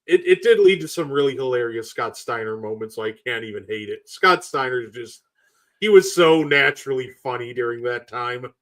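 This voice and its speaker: A man's voice: mid-range voice, expressive, moderate pace, a bit bright. A man co-hosting a podcast in casual chat, enthusiastic and full of "like"s. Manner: enthusiastic, filler-heavy with many "like"s. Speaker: podcast co-host. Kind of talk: casual chat about wrestling.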